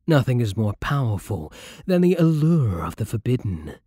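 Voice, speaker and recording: A man's voice: mid-range voice, very animated, normal speed, dark tone, breathy edge, dry recording, studio quality. A man playing a suave, sadistic vampire lord in an intimate ASMR roleplay, courtly, teasing and menacingly polite. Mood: seductive, admiring.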